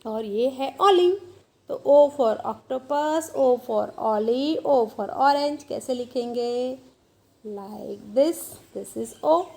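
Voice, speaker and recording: A woman teacher leads a children's cursive writing lesson, drawing out letter names and example words slowly. Her voice sits high but has a dark, gravelly edge. She speaks patiently, switching between Hindi and English.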